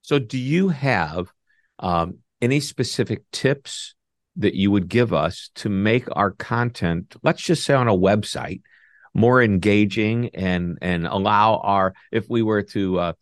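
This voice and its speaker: A man's voice: lowish voice, measured pace, no room sound, studio quality. A man hosting an interview, chatty and joking with his guest. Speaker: host. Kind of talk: casual interview talk.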